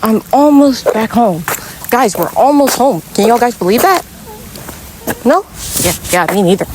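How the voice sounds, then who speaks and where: A woman talks slowly and easily as she walks a country road, filming on her phone. She chats away and coos at animals in a sweet, coaxing way, and steady outdoor noise sits clearly behind her voice. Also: a little high. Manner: chatty, talks to animals in a coaxing baby-talk voice. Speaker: vlogger. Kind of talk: casual vlog walking with animals.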